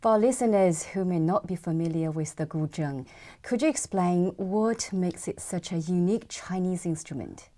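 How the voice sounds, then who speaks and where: A woman hosting an interview, introducing a piece and asking a measured question. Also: fairly low pitch, warm tone. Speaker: podcast host.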